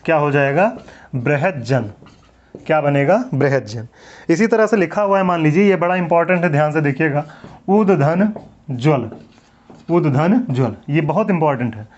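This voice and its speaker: A man teaching a Hindi grammar lesson, his voice a bit higher than most. He keeps asking a question and then answering it himself, drawing out the words as he repeats them. The recording sounds dull and lo-fi. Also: animated, a little mellow. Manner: drawn-out repetition of words. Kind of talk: classroom lecture.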